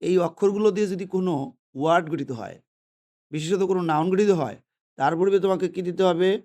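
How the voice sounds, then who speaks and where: Man, teacher, fairly high voice, patient, repetitive, question-and-answer lesson. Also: quick pace, darkish tone. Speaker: English teacher. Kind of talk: explaining English grammar lesson. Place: indoors, holding a pen.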